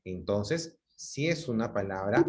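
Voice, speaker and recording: A man's voice: on the low side, animated, a little slow, darkish tone. A man from Peru teaching a class over a video call, patiently repeating examples and checking that students follow. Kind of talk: online class lecture.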